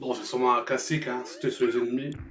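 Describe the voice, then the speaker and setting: The host of a retro game review show speaks very fast in a level, mid-range voice, giving sarcastic, foul-mouthed scripted narration meant to be funny. His recording echoes roomily, with music in the background.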